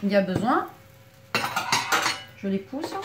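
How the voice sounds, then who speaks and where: A woman's voice: mid-range voice, expressive, takes it slowly. A woman giving a casual cooking demonstration in her small back kitchen, chatting to viewers as she works, with a slight frog in her throat. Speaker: home cook. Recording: echoey kitchen, mic far off, loud background noise. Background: clattering pans and utensils.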